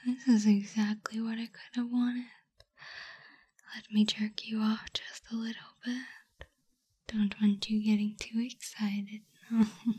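A young woman whispering softly and teasingly into a close microphone in an intimate roleplay. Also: on the high side, flat delivery, unhurried, long pauses. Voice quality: breathy. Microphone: close sensitive mic.

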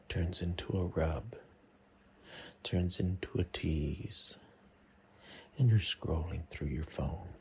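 A man in an intimate ASMR role-play, murmuring breathily right into the listener's ear, coaxing and teasing with many pauses. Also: deep voice. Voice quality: breathy, husky. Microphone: close mic.

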